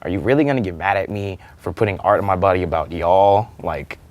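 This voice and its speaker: A man's voice: low-pitched, fairly quick. A young man, chatting casually as a panel guest in a college TV studio, slangy and full of fillers. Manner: slangy, filler-heavy, animated storytelling. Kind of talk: casual chat.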